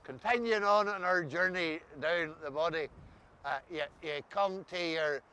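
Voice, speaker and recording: A man's voice: fairly high pitch, a little slow, bright, forceful tone, clear, resonant tone. A man with an Ulster Scots accent from Northern Ireland, chatting as a co-host and explaining dialect words in a wry, anecdotal way.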